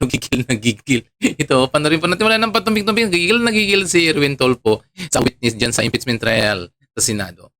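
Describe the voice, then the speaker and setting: A man's voice: fairly high pitch, big pitch swings, brisk, sharp tone, dry recording. A man from Palawan giving casual spoken commentary to his viewers, chatty and often chuckling, with many fillers. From Palawan, Philippines. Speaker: online commentator.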